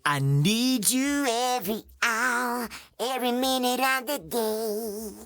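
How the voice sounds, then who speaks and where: A woman's voice: takes it slowly, a bit bright, dry recording, studio quality, faint music behind. A woman singing a pop vocal sample, processed with a formant-shift effect. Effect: formant-shifted vocal from a pitch plugin.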